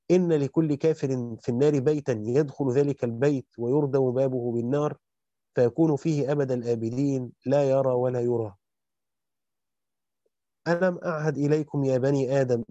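A man reads through a classical Quran commentary at speed, steady and matter-of-fact, fixing small slips as he goes. His voice is dark and mellow. The recording is dry and a bit dull, like a lo-fi home setup. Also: mid-range voice, dry recording. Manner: fast and even, with quick self-corrections. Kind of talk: rapid scholarly reading aloud.

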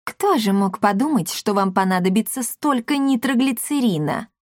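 A woman's voice: on the high side, animated, moderate pace, no echo, clean studio sound, natural voice. A woman voicing a grumpy, sly old male apothecary who grumbles, hisses and squeals. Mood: grumbling. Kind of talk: audiobook character voice.

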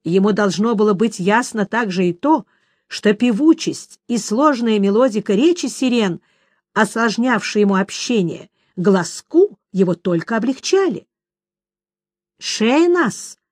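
A woman narrating a fantasy story in a measured, even reading voice. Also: mid-range voice, no echo. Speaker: audiobook narrator. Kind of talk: scripted narration.

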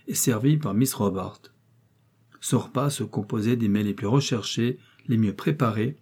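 A man reading a classic novel aloud as an audiobook narrator, in a measured storytelling manner. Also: medium pitch, mellow, husky. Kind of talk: scripted narration.

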